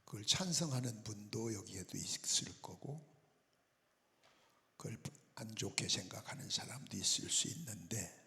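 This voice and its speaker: A man preaching and praying as a pastor, earnest, often dropping to a soft, near-whispered voice for emphasis. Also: lowish voice, expressive, a little slow. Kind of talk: sermon and prayer. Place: large prayer-retreat hall. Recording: long reverb of a large hall.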